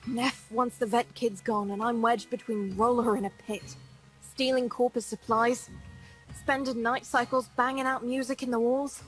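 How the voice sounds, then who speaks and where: A woman's voice: fairly high pitch, little pitch movement, measured pace, faint music behind, natural voice, rough recording. An actress playing a tough, wisecracking woman squad leader in video game dialogue, brash and teasing with nicknames for everyone.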